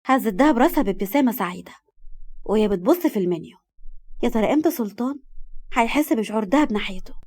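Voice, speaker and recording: A woman's voice: fairly high pitch, expressive, fast talker, darkish tone. Egyptian woman narrating a romance story.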